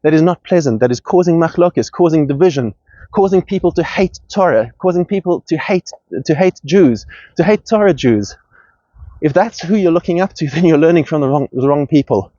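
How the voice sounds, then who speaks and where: A man's voice: fairly high pitch, expressive, a little fast, warm tone, dry recording. A man delivering a heated, earnest monologue as podcast host, often restarting and repeating words as he gets worked up. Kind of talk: impassioned monologue. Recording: dull, lo-fi sound.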